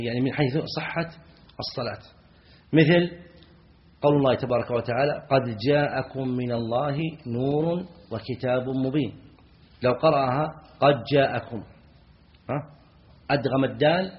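A man teaching a classroom lesson on a classical text, with a voice of middling pitch. He reads a passage slowly, then explains it, often asking the students short questions and repeating key words. The recording sounds dull and lo-fi. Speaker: Islamic scholar teaching a jurisprudence text.

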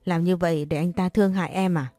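A woman reading an audiobook gives voice to a young man who is caring but pushy, scolding a crying friend while gently coaxing them along. Her delivery is natural, fairly low, steady and dark, at a quick pace, with no room sound.

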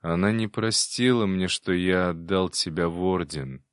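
A man voicing a very old, stooped father's ghost, speaking slowly in a creaky voice. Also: deep voice, dry recording, clean studio sound. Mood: sorrowful.

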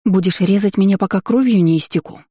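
A man's voice: high voice, fast, mellow, slightly rough, no room sound, clean studio sound, pitched above the performer's own voice. A man voicing a fiery, frightened young woman heroine who cries out and pleads in an audiobook. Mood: alarmed. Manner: raised, pleading outcries.

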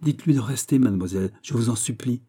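A man's voice: medium pitch, quick pace, mellow, husky, pitched above the performer's own voice, natural voice. A man reading aloud, voicing a gallant duke with an earnest, urging manner. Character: gallant male English duke, persuasive.

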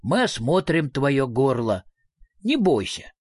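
A reader voicing a calm, kindly adult creature in a storybook, speaking low and gently. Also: slow, slightly rough, dry recording, heavily acted. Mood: kind, steady.

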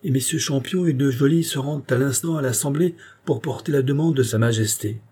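A man's voice: mid-range voice, fairly quick, mellow, breathy edge, voice pushed up, close to an everyday voice. A man reading aloud, voicing a humble, devoted servant who speaks deferentially and earnestly. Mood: reporting.

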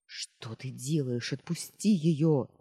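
Female reader doing a nonchalant young lord for a storybook audiobook, low and husky, long reverb. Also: animated, takes it slowly, warm tone, exaggerated voice. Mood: urgent. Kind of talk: audiobook character reading.

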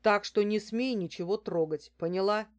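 A woman reading an audiobook, voicing a gruff, suspicious male security guard who talks bluntly and angrily. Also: medium pitch, normal speed, close to an everyday voice.

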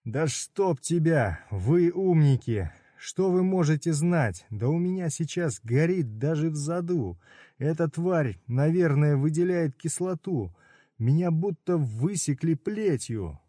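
A man voicing a frantic, hot-tempered man yelling in burning pain, his voice pushed high and shrill. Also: big pitch swings, takes it slowly, no room sound, studio quality, exaggerated voice.

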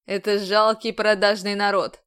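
A stern, domineering commander in an audiobook, scolding and harsh in every word, as a woman narrator voices him. His voice sits lower and rougher than the reader's own, with loud, forceful delivery. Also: flat delivery, moderate pace, lightly acted. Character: stern scornful male commander, adult, domineering.

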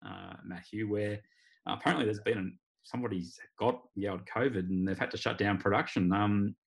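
A man's voice: lowish voice, normal speed, gravelly. An Australian man hosting a casual sports podcast, talking in a wry, rambling way. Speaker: podcast host. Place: remote video call.

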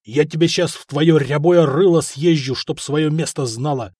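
A man's voice: fairly high pitch, moderate pace, a little mellow, husky, dry recording, clean studio sound. A man voicing a blustering but timid middle-aged chieftain who bickers with his wife. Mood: angry.

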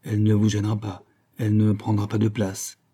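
Audiobook, resigned young woman voiced by a man, soft, dark tone, husky edge. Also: fairly low pitch, completely flat delivery, fairly quick. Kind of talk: audiobook reading.

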